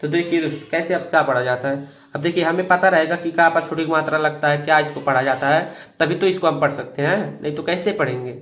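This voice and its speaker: A man teaching beginners to read Hindi, patiently repeating each word slowly and addressing viewers as friends. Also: on the high side, fairly bright tone.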